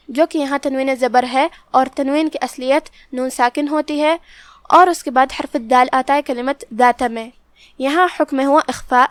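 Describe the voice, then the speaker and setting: A woman's voice: high voice, no echo. A woman teaching Quran recitation step by step, methodically explaining each pronunciation rule.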